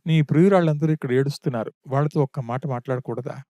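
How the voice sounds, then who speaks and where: A man's voice: mid-range voice, fast talker, dark tone, no echo, studio quality, close to an everyday voice. Tara, a grieving widowed monkey queen, read by a man. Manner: lamenting, plaintive address.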